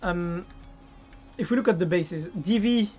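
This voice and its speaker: A woman's voice: lowish voice, unhurried, a little mellow, faint music behind. A woman with a French accent chatting casually with viewers while playing a game on a live stream. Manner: chatty, answers viewers' chat.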